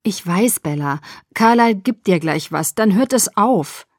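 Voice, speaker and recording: A woman's voice: medium pitch, expressive, a little slow, no room sound, clean studio sound. A woman voicing an anxious, tender young male vampire who pleads urgently. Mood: anxious comfort.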